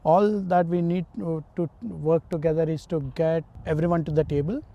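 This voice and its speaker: A man from India, giving earnest interview answers as a political candidate, often pausing on "uh" and restarting his sentences. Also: on the high side, steady tone, dark tone, dull audio. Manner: earnest, halting, with frequent "uh" fillers and restarts.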